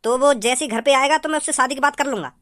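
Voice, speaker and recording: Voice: high voice, fast, a bit bright, slight background noise. A performer voicing a stern cartoon village father who speaks firmly.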